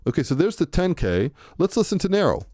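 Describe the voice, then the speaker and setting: Mellow-voiced man explaining studio software. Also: on the high side, quick pace, dry recording. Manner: relaxed, conversational, thinking aloud. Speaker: music production tutor. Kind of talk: screen-recorded software tutorial. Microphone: close to a studio microphone.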